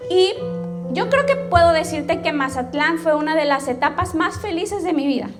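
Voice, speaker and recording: Mexican woman pastor, high voice, personal testimony over music, chatty storyteller. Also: animated, moderate pace. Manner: storytelling, addresses the audience directly with frequent "¿ok?".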